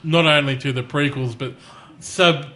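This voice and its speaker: A man co-hosting a podcast, ranting in casual chat with animated restarts. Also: medium pitch, normal speed, slight background noise. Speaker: podcast co-host.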